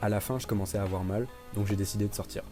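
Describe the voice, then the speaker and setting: A man's voice: on the low side, steady tone, rapid-fire. A man narrating his own experience in a casual, conversational voice-over. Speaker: vlogger. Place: voice-over recorded separately. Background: guitar music.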